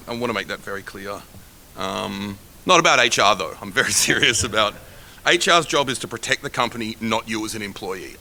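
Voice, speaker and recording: A man's voice: mid-range voice, pushed and bright. A man teaching a live coding workshop in a casual, joking way with rambling asides. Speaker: workshop instructor.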